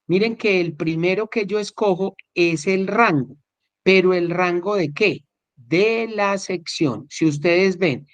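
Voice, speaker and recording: In a recorded online class on spreadsheets, a high-voiced man goes through the material one step at a time, regularly making sure his audience is keeping up. The audio is dry, dull and lo-fi.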